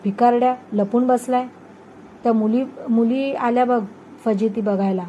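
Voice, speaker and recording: A woman reading a storybook aloud voices a stern village mother who loudly and harshly scolds her son. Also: a little high, fairly even intonation, a little slow, slight background noise, lightly acted, low-quality recording. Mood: angry scolding.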